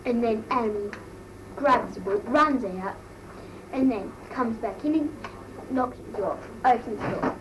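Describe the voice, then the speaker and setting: A woman's voice: on the high side, unhurried, lightly acted. A woman doing an amateur comic impression of a bratty, gossipy Australian teenage schoolgirl "mole", telling embarrassed, slangy stories in a breathless drawl. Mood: mortified gossiping. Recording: noisy amateur recording, distant mic.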